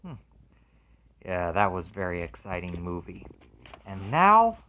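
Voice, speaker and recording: A man unboxing a movie collection in casual commentary, earnestly excited, reading the labels aloud and calling each one very amazing. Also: low-pitched, measured pace, narrow, tinny audio.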